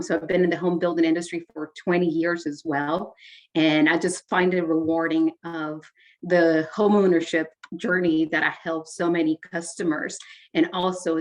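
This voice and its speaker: In this rough recording, a woman with a lowish voice talks as an interview guest in a casual conversation. She is in her forties, from Honduras, and a native Spanish speaker, coming across as earnest and reflective while often using fillers and restarting her sentences.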